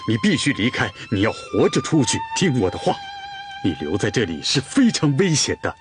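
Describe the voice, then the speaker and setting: A man's voice: mid-range voice, wildly swooping pitch, normal speed, music in the background. An actor playing a dutiful young Torghut man who tends the khan's horses, in a period TV drama, firm and reasoning. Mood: grave. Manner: firm, reasoning, at times soothing. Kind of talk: television period drama acting.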